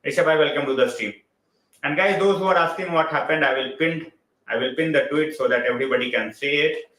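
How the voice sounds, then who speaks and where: A man's voice: on the high side, fairly quick, fairly bright tone, reverberant, poor audio. A man with an Indian English accent hosting a casual football live stream, chatting loosely, slipping into Hindi and greeting viewers by name.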